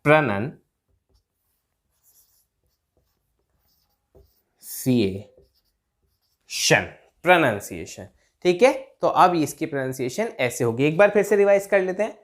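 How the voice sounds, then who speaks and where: A lively, high-pitched male English teacher drills pronunciation, saying words slowly and stretching them out. He checks in with "theek hai?" and writes on a board as he talks.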